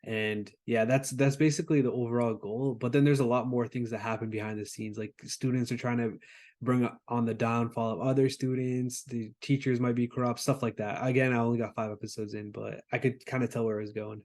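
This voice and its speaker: A relaxed man co-hosting a podcast, walking through anime plots in loose, easygoing talk. He leans on fillers and restarts, and his voice sits at an ordinary middle pitch. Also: a little fast. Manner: laid-back, filler-heavy, explains plots with many "like"s. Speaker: podcast co-host. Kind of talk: casual chat about anime.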